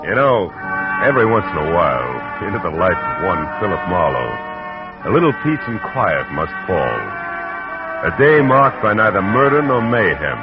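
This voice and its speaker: In a 1940s radio drama, a man plays a hard-boiled private detective, serving as narrator and lead with terse, wry delivery. His deep voice is sing-song at normal speed, with loud music behind it, on a muffled old radio recording with loud hiss.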